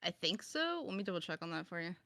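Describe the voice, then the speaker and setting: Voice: medium pitch, sing-song, quick pace, pushed and bright, no room sound, clean studio sound. A player at a tabletop game, bantering playfully and checking rules. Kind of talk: casual tabletop play.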